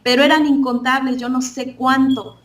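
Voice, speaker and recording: A woman's voice: high voice, little pitch movement, moderate pace, distant mic. A woman earnestly recounting a spiritual vision as a church testimony, often restarting her sentences. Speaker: church member giving testimony. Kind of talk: religious testimony.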